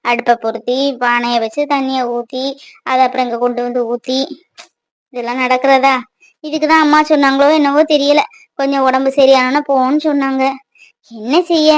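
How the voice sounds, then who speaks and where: A woman's voice: no echo, studio quality, natural voice. A woman voicing a whiny, aching young cartoon mother. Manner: whiny, scolding, high-pitched. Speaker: mother of a crying baby.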